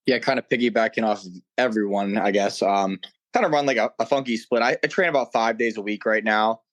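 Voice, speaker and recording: A man's voice: lowish voice, a little fast. A man in his twenties, a laid-back panel guest in a casual chat. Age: 20s.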